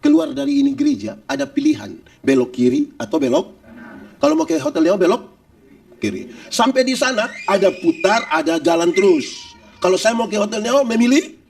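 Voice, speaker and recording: A man preaching a sermon, lively and humorous, acting out quotes. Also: very high-pitched, moderate pace, vocal fry, far from the mic. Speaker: pastor. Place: church.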